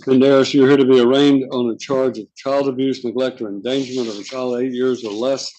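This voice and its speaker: A man speaking as a judge in formal court proceedings, measured and procedural, with occasional hesitation. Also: medium pitch, little pitch movement, warm tone, highs cut off, slight background noise. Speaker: judge presiding over a court docket. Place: indoor courtroom.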